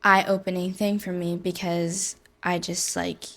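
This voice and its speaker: A woman's voice: fairly low pitch, flat delivery, unhurried, a bit bright. A young woman sharing her story in casual talk, with many fillers. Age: young adult. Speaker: guest. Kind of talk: casual testimony.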